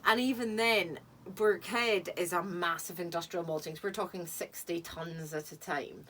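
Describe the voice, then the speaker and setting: A woman's voice: on the low side, steady tone, normal speed, fairly bright tone. A woman in casual, effusive chat, telling anecdotes in a talkative way. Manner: effusive, chatty. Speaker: distillery tour guide and podcast co-host. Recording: distant mic, noisy room ambience.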